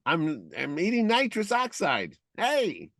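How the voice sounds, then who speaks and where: A man putting on a squeaky, cartoonish, high voice as if on laughing gas. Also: wildly swooping pitch, takes it slowly, creaky, fairly bright tone, no echo, clean studio sound, exaggerated voice. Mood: goofy.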